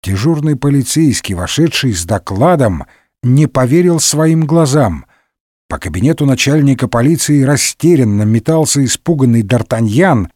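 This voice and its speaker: A man's voice: mid-range voice, a little mellow, dry recording, studio quality. Man narrating a comic storybook. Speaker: audiobook narrator.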